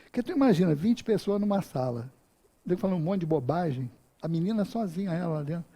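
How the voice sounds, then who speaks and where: Guy around 50 joking through stories at a spiritist talk, kinda high voice, gravelly. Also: animated, quick pace, dark tone. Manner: humorous storytelling, acts out his own moves. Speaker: speaker at a spiritist center. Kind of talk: casual anecdotal talk.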